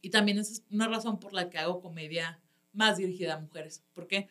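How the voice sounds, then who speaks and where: A woman stand-up comedian with a Mexican accent, telling stories in a casual chat, animated and laughing often, with lots of slang. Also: lowish voice, fairly quick.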